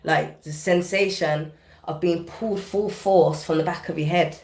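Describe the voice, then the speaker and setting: A woman's voice: on the low side, fairly even intonation, a little slow, darkish tone, roomy sound, slight background noise. British woman telling an intense personal story. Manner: vivid, intense retelling with casual dialect grammar. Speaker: guest recording artist. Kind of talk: emotional personal storytelling in a podcast interview.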